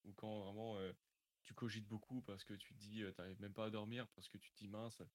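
A man's voice: lowish voice, little pitch movement, fairly quick. A young man, a sound engineer, answering interview questions casually, thinking aloud with lots of hesitation.

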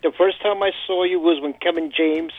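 A man's voice: a little high, fairly even intonation, brisk. A man from Italy, calling into a radio show, friendly and agreeable, often repeating himself. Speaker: caller. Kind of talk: casual phone call to a radio show. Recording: tinny phone line.

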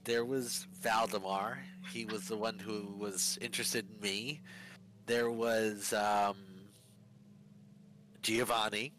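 A man playing a halting young vampire prisoner. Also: on the low side, flat delivery, low-quality recording. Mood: wary. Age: young adult. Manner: hesitant, halting, trailing off. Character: young male vampire prisoner, former sailor, evasive. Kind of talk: tabletop role-play in character.

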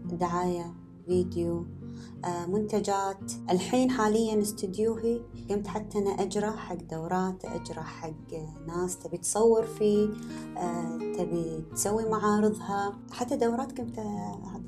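A woman with a Gulf Arabic accent, a photographer guest telling her stories in a casual, animated podcast chat. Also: mid-range voice, moderate pace, music in the background. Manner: animated storyteller, laughs often. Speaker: guest, wedding and event photographer.

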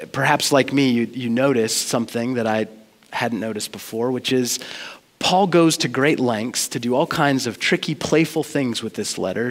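An earnest male pastor delivers a conversational sermon, weaving in personal stories. His voice sits at an ordinary middle pitch. The sound rings out with the long reverb of a large church hall. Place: church sanctuary.

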